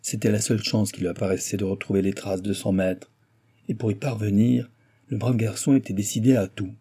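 A man narrating a novel aloud in a measured storytelling manner. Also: on the low side, fairly even intonation, dark tone, slightly rough. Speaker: audiobook narrator. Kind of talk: scripted narration.

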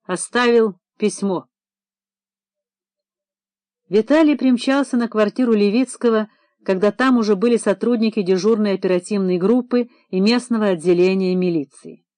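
Woman audiobook narrator, steady, even, close dry sound. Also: mid-range voice, fairly quick, no room sound. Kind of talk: scripted narration.

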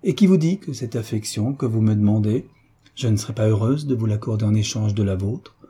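A man reading an audiobook voices a gracious young duchess with gentle, affectionate questions, pitched higher than his narration. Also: a little fast, slightly rough. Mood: tender.

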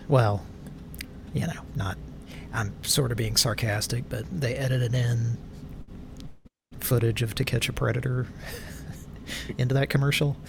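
Gravelly guy hosting a live stream, slow, rambly, cracking crude jokes. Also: mid-range voice, background noise. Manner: meandering, self-interrupting, irreverent jokes. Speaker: livestream show host. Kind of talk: rambling comedic live chat.

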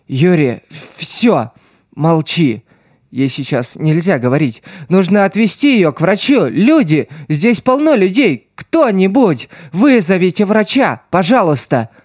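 A man's voice: sits high, big pitch swings, no echo, clean studio sound, exaggerated voice. A man reading an audiobook, voicing a desperate young street boy who pleads and cries out for help. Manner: crying out, pleading, drawn-out shouts.

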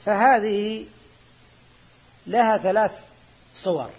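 A man teaching an Arabic grammar class as sheikh, explaining the text patiently, repeating key words slowly and checking on his students with short questions. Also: high voice, breathy edge.

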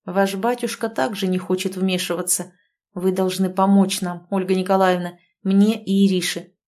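A woman's voice: medium pitch, level tone, moderate pace, darkish tone, natural voice. A woman reading brooding young officer, man, earnest, insistent, urgent pleading, audiobook.

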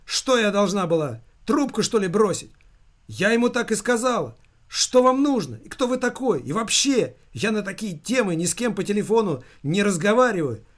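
A man putting on a shrill hysterical mother. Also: measured pace, natural voice. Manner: shrill, pleading, tearful. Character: hysterical anxious middle-aged mother.

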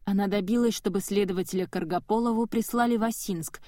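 A woman narrates an audiobook in a scripted, even, measured reading. Her voice is mid-range, and the recording is dry, with clean studio sound.

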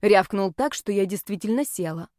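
A woman's voice: medium pitch, expressive, normal speed, darkish tone, dry recording, studio quality. A woman narrating a first-person audiobook in a wry, sardonic tone.

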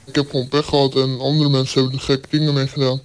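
A thirteen-year-old boy in a news interview clip, his voice disguised with a deep pitch shift, speaking hesitantly with fillers. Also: fast talker, a little hiss or hum, poor audio. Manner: hesitant, with fillers and flat delivery.

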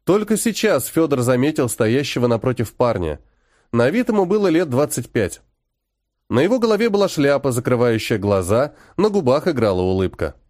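Man, storybook narrator, lively dramatic reading, close dry mic. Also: mid-range voice, moderate pace, dry recording. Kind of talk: scripted audiobook narration.

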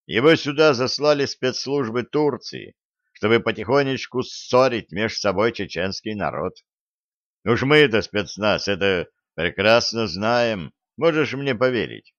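A man's voice: fairly low pitch, expressive, a little slow, a bit bright, dry recording, lo-fi sound. A man voicing a brash, mocking special-forces commander in an audiobook reading. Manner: scornful, provoking.

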